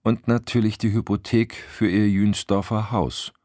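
A man narrating an audiobook in an expressive storytelling manner. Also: fairly low pitch, unhurried, no echo, studio quality. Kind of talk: scripted narration.

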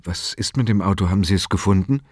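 A man's voice: deep voice, quick pace, a little mellow, slightly rough, no room sound, studio quality. A man reading the part of a nervous, evasive male car owner who gives hesitant, mumbled answers.

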